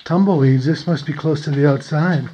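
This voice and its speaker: A man wanders through an abandoned underground mine, casually narrating his thoughts on whatever he comes across. He speaks at a moderate pace in a slightly high, mellow voice. A little hiss or hum is audible in the recording.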